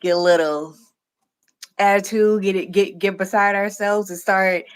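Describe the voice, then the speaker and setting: A woman's voice: mid-range voice, steady tone, moderate pace, clear, resonant tone. A woman hosting a faith-centered livestream interview, telling stories with playful acted-out quotes and frequent laughter. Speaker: host.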